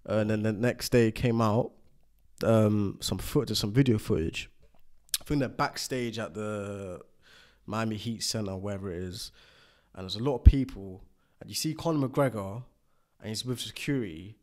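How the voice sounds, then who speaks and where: A man's voice: lowish voice, normal speed, darkish tone. A man, co-hosting a podcast in casual, slangy, joking chat. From United Kingdom. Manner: laid-back, slangy, joking. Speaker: podcast co-host.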